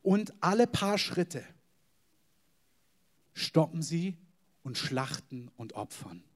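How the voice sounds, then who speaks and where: A man preaching a sermon to a congregation, emphatic, with sudden loud stresses and hushed, whispered asides. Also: fairly high pitch, very animated, slow pace. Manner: addresses the congregation directly.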